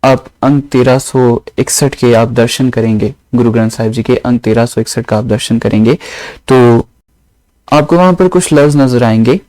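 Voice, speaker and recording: Calm man teaching scripture grammar. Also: mid-range voice, no room sound, low-quality recording. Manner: slow, explanatory, repeats phrases with synonyms. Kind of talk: religious grammar lesson.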